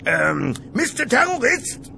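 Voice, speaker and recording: A pushy know-it-all passenger, played by a man in a comedy audio sketch. The voice sits high and bright with a gravelly edge, bouncing up and down as he lectures everyone around him. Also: wildly swooping pitch, slow pace, a little hiss or hum, full character voice. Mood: brash. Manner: brash, wheedling, talks over others. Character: cocky know-it-all middle-aged male air passenger.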